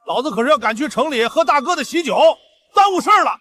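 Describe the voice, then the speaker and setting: An actor playing a loud, menacing village thug boss who barks threats and orders. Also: male voice, very high-pitched, very animated, normal speed, slight background noise, exaggerated voice. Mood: furious. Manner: barking threats, shouting orders. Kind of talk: short drama acting.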